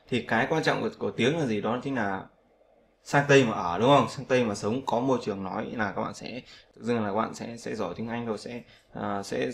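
Man, Vietnamese, casual pronunciation lesson, gravelly voice, keeps asking "right?". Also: mid-range voice. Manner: repetitive, drills sounds, asks "right?" often. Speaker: English pronunciation teacher.

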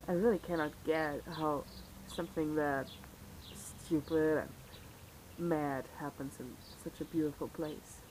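A woman on a walking trip, talking candidly to her camera in a casual vlog, outspoken and quick to swear. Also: sits low, fairly even intonation, background noise. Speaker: pilgrim vlogger.

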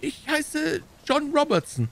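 A man's voice: very high-pitched, animated, moderate pace, vocal fry, a bit bright, voice pushed up, full character voice. A man voicing a nervous, frightened small young man who whimpers and stammers in a storybook reading. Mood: pleading.

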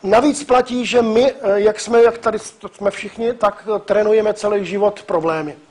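Older male lecturer, 60s, from the Czech Republic; emphatic, animated, breathy, keeps restarting his sentences. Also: high-pitched. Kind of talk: public lecture. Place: lecture hall.

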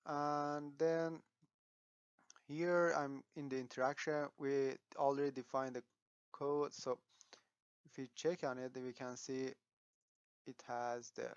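Man talking through a software tutorial. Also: medium pitch, level tone, slow, long pauses, clear, resonant tone, no room sound, highs cut off. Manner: unscripted, thinking aloud, frequent fillers and restarts. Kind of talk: screen-recorded software tutorial.

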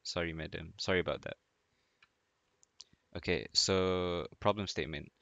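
A young man from Malaysia talks through his class project in a low voice with a gravelly edge. He pauses often and fills the gaps with small hesitations, apologizing along the way. The sound is dry and close, as from a headset at a home desk. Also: a bit bright, dry recording, muffled recording. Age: young adult. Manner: hesitant, apologetic, many fillers. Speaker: student presenter.

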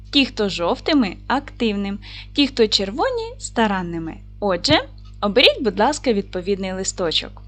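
A woman teaching an online lesson to young children, speaking clearly and stretching out words as she spells them. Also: medium pitch. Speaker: primary school teacher.

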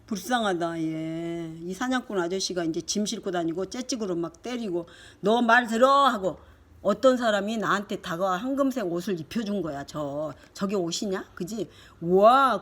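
An older woman, a grandmother, reading a picture book to her grandchild, lively and chatty with little asides. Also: medium pitch, normal speed. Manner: animated, shifting into character voices and asides.

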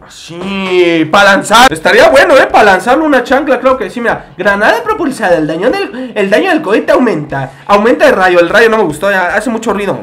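A man's voice: high-pitched, big pitch swings, fairly quick, hardly any pauses, fairly bright tone. A young man with a Mexican Spanish accent, joking and rambling through a running commentary as he plays a mobile game. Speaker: gaming video creator. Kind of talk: playing a mobile game on camera.

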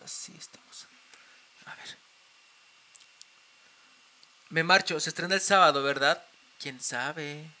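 A man's voice: fairly high pitch, moderate pace, bright, forceful tone, a little hiss or hum. A young man with a Mexican accent, chatting playfully on a live stream, dramatic and given to swearing. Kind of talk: casual live stream chat.

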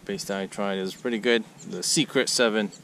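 Brisk and on the low side, a middle-aged Southern Californian man narrates a casual fishing vlog at a lakeside park, mostly laid-back and chatty but bursting with excitement at catches. It's recorded on an action camera mic, with clear background noise outside.

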